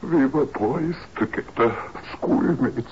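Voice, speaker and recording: A halting, very old man. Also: medium pitch, expressive, dull audio, slight background noise. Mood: wistful, grieving. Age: elderly. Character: frail, courtly, grieving old father, very old man. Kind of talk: screen drama acting.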